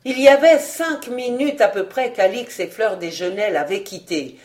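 A volunteer reader narrating a classic novel as an audiobook in a steady, expressive way. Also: mid-range voice, moderate pace.

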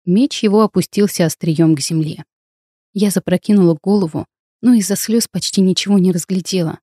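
A woman narrating a fantasy novel in the first person, in a measured, expressive storytelling voice. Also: on the low side, husky, no room sound, studio quality. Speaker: audiobook narrator.

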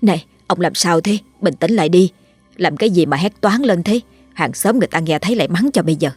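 A woman's voice: lowish voice, animated, fast, darkish tone, husky, dry recording, faint music behind. A woman voicing a fussy, scolding middle-aged village wife. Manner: scolding, stammers when scared.

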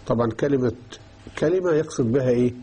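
A man gives a religious lesson, stopping often to ask whether his listeners are following. His voice is husky and warm, with a mellow tone. He teaches patiently and explains step by step. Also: medium pitch, quick pace. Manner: explanatory, checks understanding with repeated questions. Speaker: teacher of Islamic jurisprudence.

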